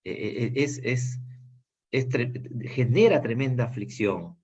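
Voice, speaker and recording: A man's voice: medium pitch, slow, a little mellow, slightly rough. A man with a Peruvian Spanish accent teaching a Bible class, earnest and full of fillers and restarts. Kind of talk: Bible study lesson. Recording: dull lo-fi sound.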